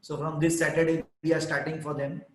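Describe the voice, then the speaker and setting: A man explains in a conversational teacher's way. His voice sits slightly high. The call audio is echoey and roomy. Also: little pitch movement, fairly quick, a little hiss or hum. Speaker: webinar teacher.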